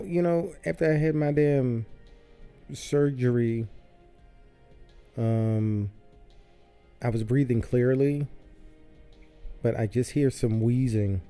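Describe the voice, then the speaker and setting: A man hosts his own podcast from a home studio, delivering a casual solo monologue that rambles loosely and often repeats itself. His voice is medium in pitch, with a dark, clean tone.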